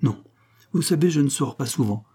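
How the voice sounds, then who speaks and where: A man's voice: medium pitch, expressive, normal speed, mellow, husky, pitched above the performer's own voice. A man voicing a frank, plain-spoken young country woman. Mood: guarded.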